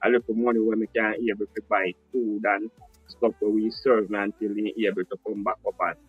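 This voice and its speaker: A man with a Jamaican accent tells his life story in a reflective way, slipping into patois. His mid-pitched voice comes over a dry, dull, lo-fi call line. Faint music plays behind him. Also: flat delivery, brisk, breathy edge, no echo. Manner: reflective, speaks patois, often asks "you understand?". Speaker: guest. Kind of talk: casual storytelling interview.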